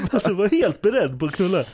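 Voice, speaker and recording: Foul-mouthed podcast guy, bit high voice, bouncy delivery, laughs at his own jokes. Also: noisy background. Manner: blunt, swears a lot, laughs often. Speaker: podcast co-host. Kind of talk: crude casual chat.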